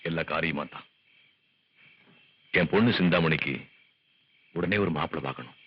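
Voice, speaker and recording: A man playing a stern, commanding village landlord who speaks slowly with authority. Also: extremely low pitch, breathy edge. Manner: slow, authoritative. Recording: dull old film soundtrack with music.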